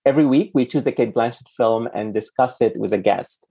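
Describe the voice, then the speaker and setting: A man from Sudan with a slightly husky voice, hosting a conversational film podcast. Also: mid-range voice, brisk, warm tone. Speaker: podcast host.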